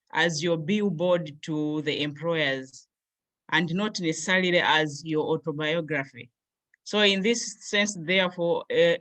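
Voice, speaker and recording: A young woman from Malawi, a graduate student, presenting a workshop over a video call and going through points one by one. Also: lowish voice. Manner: steady explanatory pace, lists points one by one.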